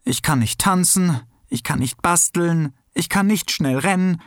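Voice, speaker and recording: A man's voice: on the high side, unhurried, no echo, studio quality, pitched above the performer's own voice. A man doing a dejected little kindergarten boy. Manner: sulky, self-doubting. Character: small discouraged kindergarten boy.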